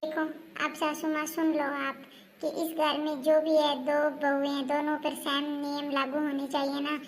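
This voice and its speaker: A woman's voice: high-pitched, monotone, moderate pace, natural voice. A woman voicing an assertive elder daughter-in-law who argues insistently for equal rules in a comedic family skit. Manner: argumentative, insistent.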